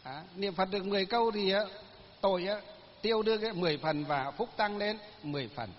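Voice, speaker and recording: Monk, highish voice, rambling folksy sermon, echoey hall, dull lo-fi sound. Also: male voice, quick pace, a little hiss or hum. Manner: folksy storytelling, many fillers, laughs at own tales. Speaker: Buddhist monk. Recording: lo-fi recording with long hall reverb.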